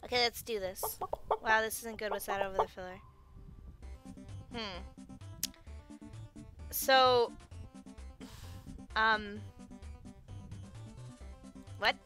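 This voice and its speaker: A woman's voice: medium pitch, fairly even intonation, very slow, pauses often, bright, forceful tone, soft background music. A young woman playing a video game, talking to herself in an unsure, muttering way as casual commentary. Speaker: game streamer. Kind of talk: casual let's-play commentary.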